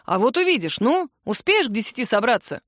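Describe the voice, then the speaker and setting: A woman's voice: on the high side, big pitch swings, a little fast, no echo, studio quality. Woman voicing a cheeky teasing young man. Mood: cheerful. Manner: teasing, cheerfully pushy.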